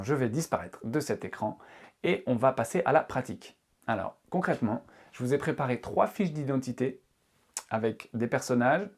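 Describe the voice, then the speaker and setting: A man at a mid pitch talks his viewers through a lesson and keeps stopping to hunt for words. He sounds friendly and encouraging as he goes. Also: darkish tone. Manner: hesitant, many fillers and restarts. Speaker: English teacher. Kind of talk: casual video tutorial.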